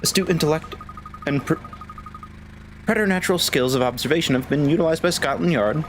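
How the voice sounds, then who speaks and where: A man voicing an eager, cheerful young woman assistant from a video game, talking in a chirpy, excitable way. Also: fairly high pitch, a little fast, slight background noise, close to an everyday voice.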